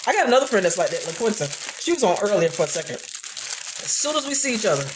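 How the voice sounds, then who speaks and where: Loud, laughing woman chatting live. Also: medium pitch, fast, background noise. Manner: chatty and animated, frequent restarts. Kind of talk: casual live chat.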